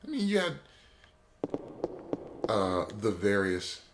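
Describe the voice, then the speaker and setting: A man hosts a let's play, talking through the game in a rambling, opinionated way and cracking jokes as he goes. His voice sits a little low, with a faint hiss under the recording. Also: very animated, slow. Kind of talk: gameplay commentary.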